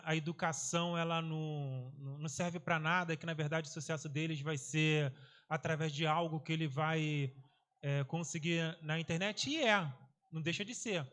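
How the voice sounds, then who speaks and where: A man teacher speaks in an interview with an unusually high voice. He talks at length and reflects on his teaching, quoting his pupils along the way. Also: a bit bright. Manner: talkative, reflective, quotes pupils. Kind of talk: interview, casual recollection.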